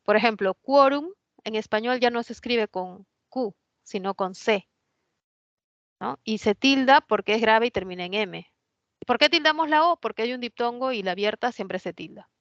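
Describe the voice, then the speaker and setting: A woman with a fairly high voice teaches a spelling lesson, explaining each rule step by step. She keeps checking that her students follow. The recording is dry and a little dull. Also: normal speed, fairly bright tone, dry recording. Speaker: language teacher. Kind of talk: pre-university spelling lesson.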